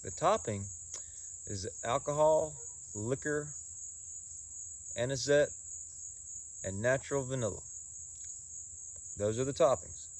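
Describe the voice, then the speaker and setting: A man giving a casual solo review in a folksy, halting way, often repeating words and pausing. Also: mid-range voice, no echo. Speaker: pipe tobacco reviewer.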